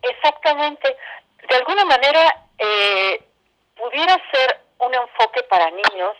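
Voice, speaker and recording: A Mexican woman, an arts educator and theatre company director, is a guest on an interview and explains her work conversationally, building points through lists and repetition. Her voice sits high and is expressive, a bit bright and a little slow. It comes through a muffled, band-limited phone call.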